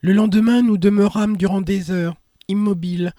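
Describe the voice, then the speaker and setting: A man giving scripted documentary narration in a solemn, measured reading. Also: sits high, steady tone, mellow, no room sound, studio quality.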